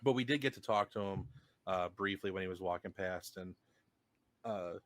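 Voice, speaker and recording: A man co-hosting a racing podcast, telling stories in relaxed casual chat. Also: deep voice, normal speed, no echo. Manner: storytelling, relaxed, quotes others in excited voices. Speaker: podcast co-host.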